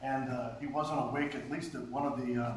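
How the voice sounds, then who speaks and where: A man's voice: medium pitch, fairly even intonation. A man giving an anecdotal, chuckling talk with slides at a live conference, recorded from a distance in a very echoey hall. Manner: anecdotal, chuckles often, halting restarts. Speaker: guest speaker, former radio and TV writer. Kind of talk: storytelling lecture with slides. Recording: very echoey hall, distant mic, faint hiss.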